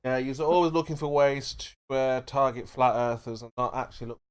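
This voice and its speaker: A man arguing casually, dismissive and quick to interject. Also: medium pitch, clean tone. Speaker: debater. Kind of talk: casual argumentative chat.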